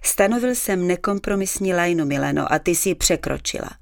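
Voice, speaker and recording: A woman voicing a stern middle-aged husband who speaks quietly, firmly and darkly. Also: lowish voice, expressive, vocal fry, no room sound, clean studio sound. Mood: stern reproach.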